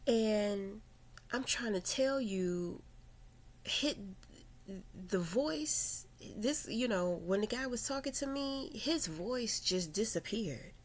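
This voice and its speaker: A woman telling a personal story in a confessional vlog, reflective and halting, with many fillers, sometimes dropping to a whisper. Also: on the high side, lively intonation. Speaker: vlogger.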